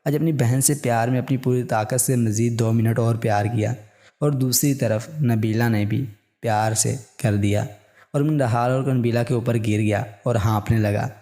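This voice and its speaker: A man narrating a written story in a calm, steady reading voice. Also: mid-range voice.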